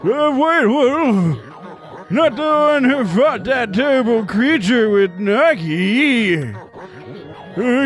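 A man voicing a blunt, boastful old male village elder, speaking slowly in a raised old-man voice while reading game dialogue. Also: extremely high pitch, a bit bright, pitched above the performer's own voice, full character voice.

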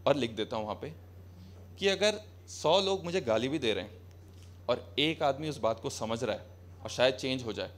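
This young stand-up comedian speaks at medium pitch and a moderate pace, animated and sarcastic, mixing Hindi and English in a conversational set. He works a live audience on a small cafe stage backed by a brick wall, using a handheld mic.

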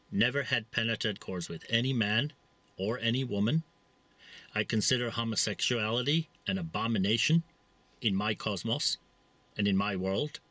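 A middle-aged vlogger with a Czech accent speaks in a lowish, pushed, bright voice with no echo. Sitting inside a parked vehicle, he delivers a casual monologue to a camera mounted close in front, blunt, rambling and preachy with many fillers.

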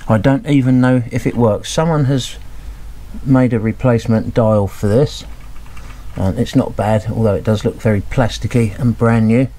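Here a radio restorer examines an old radio indoors in his messy home workshop, narrating offhandedly and pausing often with ums as he thinks out loud. His medium-pitched voice is warm and steady, at a normal speed.

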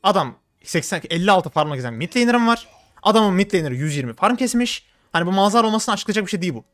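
A young man commenting on his own game as he plays, talking fast and getting worked up. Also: sits high, no echo. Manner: rapid, excitable, swings into frustrated outbursts. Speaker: gaming streamer. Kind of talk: live gameplay commentary.

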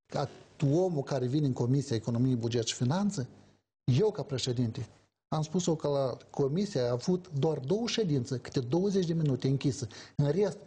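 A man's voice: medium pitch, lively intonation, warm tone, breathy edge. A man, a politician guest on a TV talk show, talking emphatically and animatedly and acting out quoted exchanges. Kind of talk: emphatic studio debate. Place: TV studio.

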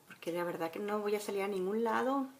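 Speaking quickly at a medium pitch, this forties-aged woman with a Mexican accent talks viewers through an easygoing makeup tutorial. She's in a room at home near a window, giving chatty instructions and checking in with tags often.

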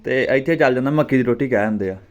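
A man's voice: medium pitch, fast talker, soft background music. A young man chatting casually in a questioning, sceptical manner. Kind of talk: casual chat.

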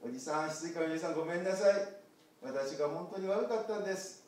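A man voicing a lost little lamb girl in a children's picture-card story, in a high, small pleading voice. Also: fast talker, a little mellow, natural voice. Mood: apologetic. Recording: echoey church hall from far off.

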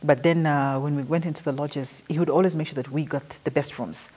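A woman's voice: sits low, steady tone, fairly quick, mellow, slightly rough. A middle-aged woman with a Zambian accent, recalling a trip in a chatty, anecdotal way and acting out what people said. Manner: chatty storyteller who acts out quoted dialogue. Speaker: interviewee paying tribute. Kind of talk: casual anecdotal recollection.

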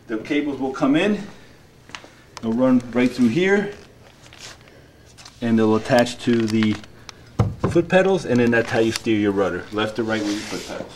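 A man's voice: mid-range voice, lively intonation, moderate pace, long pauses. Middle-aged man demoing a kayak. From New Jersey. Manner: casual, explanatory, with frequent fillers and restarts. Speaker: kayak fishing presenter. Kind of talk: product demonstration. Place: large indoor kayak shop. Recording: roomy shop echo, faint noise.

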